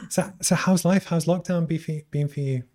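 A man's voice: a little high, normal speed, dark tone. A man from Liverpool with a light Scouse accent, hosting a live-streamed business interview and rambling with many fillers. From Liverpool, England. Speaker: interview host.

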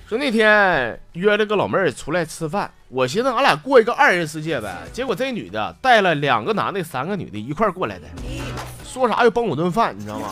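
Man, Northeastern Mandarin accent, comic storyteller, teasing and animated, fairly high voice, music behind. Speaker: host reading listener stories. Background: background music.

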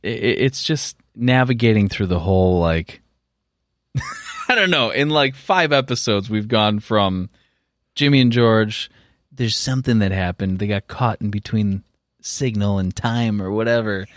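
A man co-hosting a podcast in casual chat, animated and laughing often, with plenty of fillers. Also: lowish voice, a little slow, no echo. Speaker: podcast co-host.

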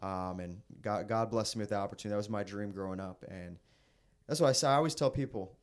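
A young man preacher sharing his testimony in a casual interview, earnest and halting with frequent restarts. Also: lowish voice. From raised in the Philippines, American. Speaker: guest preacher.

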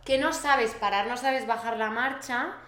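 A woman from Spain co-hosting a podcast, lively and emphatic with a teasing edge. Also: on the high side, unhurried, reverberant. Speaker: podcast co-host. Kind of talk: casual chat.

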